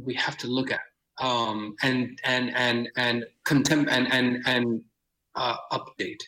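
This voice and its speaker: A middle-aged theater director from Miami, United States, speaks as a podcast guest in a casual interview, marked by frequent restarts, fillers, and bits of Spanish. His medium-pitched voice has little pitch movement, a slow pace, and a sharp tone, and the recording is rough.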